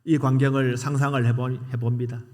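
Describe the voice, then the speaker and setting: A male pastor delivers a sermon in a dramatic storytelling manner at a middle pitch. His voice rings with a long reverb through a church sanctuary. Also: flat delivery, fairly quick. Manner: dramatic storytelling with loud quoted cries.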